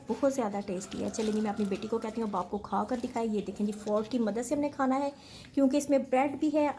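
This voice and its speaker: A woman's voice: a little high, warm tone, poor audio. A woman, chatting casually to viewers in a home vlog, politely addressing them as she cooks. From Pakistan. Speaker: family vlogger and mother. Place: home kitchen and bedroom, indoors. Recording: household background noise.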